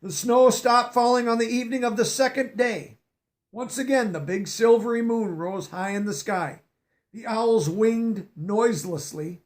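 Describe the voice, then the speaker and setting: A storybook reader with a strikingly high voice reads a children's picture book with gentle expression, pausing to clarify a word or two for the young audience.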